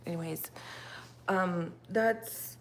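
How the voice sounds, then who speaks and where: A young native Russian-speaking woman hosts a casual livestream, rambling to viewers with plenty of fillers. Her voice sits on the low side and she draws out her words, over faint background noise.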